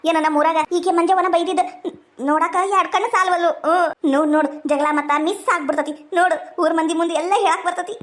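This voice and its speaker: Woman, North Karnataka Kannada accent, very high pitch, fast talker, bragging and quarrelsome, village comedy sketch. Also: steady tone. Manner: bragging, quarrelsome, playing several village women.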